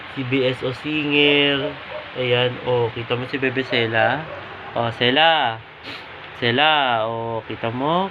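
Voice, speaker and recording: A man filming a casual home vlog, asking playful, teasing questions. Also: medium pitch. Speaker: vlogger. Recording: dull home video sound, faint hiss.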